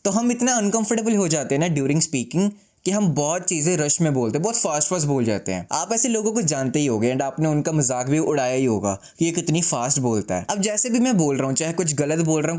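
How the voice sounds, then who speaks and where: A man in a casual advice vlog with a slightly high voice. He talks at a slow, composed, deliberate pace with clear pauses and slips English phrases in. He drops in wry, self-deprecating asides. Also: big pitch swings, dark tone. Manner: mixes English phrases into Hindi. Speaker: YouTuber. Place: seated indoors.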